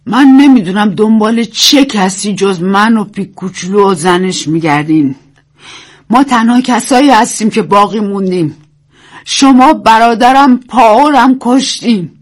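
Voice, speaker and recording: A woman's voice: medium pitch, darkish tone, voice pushed up, lightly acted. A woman reading a storybook gives voice to a stern, devout old peasant woman who speaks with commanding authority. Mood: bitter. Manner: commanding, scolding.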